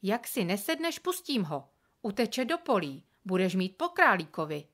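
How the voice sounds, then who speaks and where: A woman's voice: medium pitch, sing-song, fairly bright tone. A woman voicing a mischievous, bossy little boy who teases and gives orders. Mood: bossy teasing. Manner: teasing, commanding.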